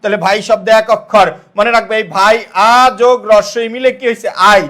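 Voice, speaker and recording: A man's voice: high voice, fairly even intonation, fairly quick, a bit bright. A man teaching an online exam-prep grammar lesson, breaking words into syllables, repeating his questions and checking that students follow. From Bangladesh. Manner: explains step by step, repeats questions and checks understanding.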